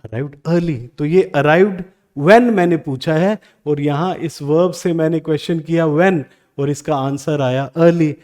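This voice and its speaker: A man teaching English grammar in Hindi, asking questions and answering them himself, reading example sentences slowly with an Indian English accent. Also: a little high, darkish tone. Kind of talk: classroom grammar lesson.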